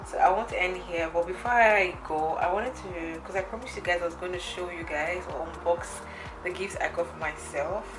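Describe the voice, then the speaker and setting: Woman, slightly low voice, casual vlog chat, emphatic informal wording, music in the background. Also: moderate pace. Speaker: vlogger.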